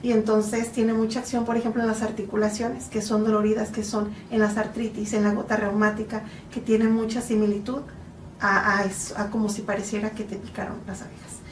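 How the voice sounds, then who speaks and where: A woman's voice: mid-range voice, flat delivery. A woman in her forties from Mexico, a psychotherapist guest giving earnest, explanatory interview answers. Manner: earnest, explanatory, slow in places. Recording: echoey room, distant from mic, faint noise.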